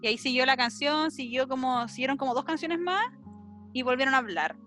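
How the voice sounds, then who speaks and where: A young woman with a Chilean accent, chatting casually as a podcast co-host and telling stories with animated acted-out quotes. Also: high-pitched, a little fast, faint music behind. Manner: animated storyteller who acts out quotes and squeals. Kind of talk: casual chat.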